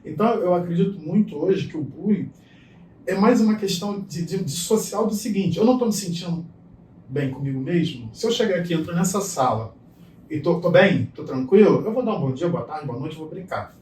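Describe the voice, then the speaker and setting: A man's voice: sits high, fairly quick. Middle-aged man telling stories in an echoey room. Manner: animated storyteller, acts out dialogue. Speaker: guest speaker. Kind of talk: storytelling conversation. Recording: echoey room, distant mic, faint noise.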